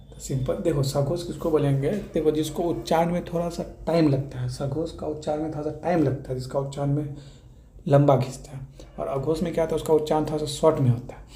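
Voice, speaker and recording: A man with a Bihari accent teaching a grammar lesson, drilling his students by asking questions and answering them himself. His voice sits a little high and sounds mellow. The room is echoey, with a faint hum of ambient noise behind him. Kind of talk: classroom-style grammar lesson.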